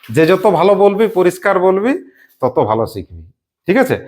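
In a lowish, darkish voice, a very animated woman teacher runs a spelling lesson for young children. Call-and-response drills alternate with frequent quick questions to check their understanding.

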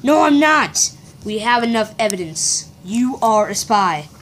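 A woman with a slightly high voice speaks at a measured pace, improvising a play with toy figures. She voices every character and whispers prompts to a partner, with a steady hiss in the background.

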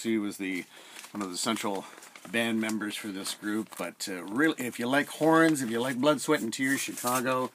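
A man's voice: fairly low pitch, vocal fry, a bit bright, a little hiss or hum. A middle-aged man talking casually about records at home, rambling with many fillers, close to the camera. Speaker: record collector vlogger. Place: home room with shelves of records. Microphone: camera at close range.

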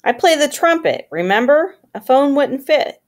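A woman reading aloud and voicing a chatty, goofy teenage boy who is quick to protest. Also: medium pitch, lively intonation, natural voice. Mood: playful.

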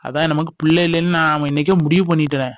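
A man's voice: a little high, fairly even intonation, quick pace, no room sound, lightly acted. A man playing a stubborn, bitter middle-aged father in a family drama skit, speaking bluntly. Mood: stern. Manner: blunt, grumbling.

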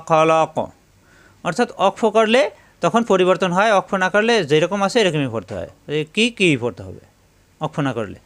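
A high-pitched man leads a step-by-step recitation lesson, slowly sounding out the letters and afterward chanting the verses with long, lingering tones.

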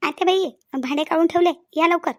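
A woman's voice: very high voice, fairly even intonation, a little fast, no room sound, clean studio sound. A woman doing a young daughter-in-law calling out. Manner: calling out loudly from afar. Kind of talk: cartoon voice acting.

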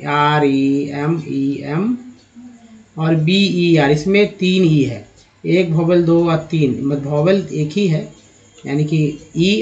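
A man's voice: fairly high pitch, darkish tone. A man teaching English pronunciation in Hindi, patiently spelling words letter by letter and calling his viewers friends. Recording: dull lo-fi recording.

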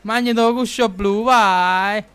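A young man, bantering excitably while playing a racing game and yelling at the race. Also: high voice, slow. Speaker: gamer. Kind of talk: casual gaming banter.

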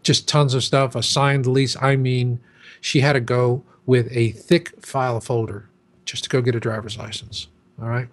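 A man's voice: medium pitch, level tone, normal speed. A man in his sixties, a guest in an interview, talking in an emphatic, casual way. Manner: emphatic, acts out chanting crowds in quotes.

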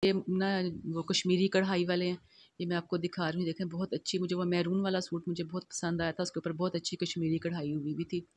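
A middle-aged Pakistani woman narrates her own vlog over the footage in a chatty, homely way, relying on small fillers as she goes. Her fairly low voice is darkish and slightly rough, and it stays level with little rise or fall. She talks fast.

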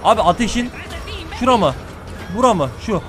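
A man's voice: high voice, expressive, fairly quick. A young man streaming a horror game, talking frantically and swearing constantly at enemies. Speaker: gaming streamer. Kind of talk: let's play commentary. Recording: game music loud behind voice.

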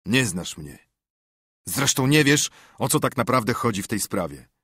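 A man voicing a vengeful, scheming outlaw in an audiobook, curt and threatening, with a husky voice. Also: medium pitch, very animated, normal speed, fairly bright tone, no echo, studio quality. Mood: menacing. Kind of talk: audiobook character voice.

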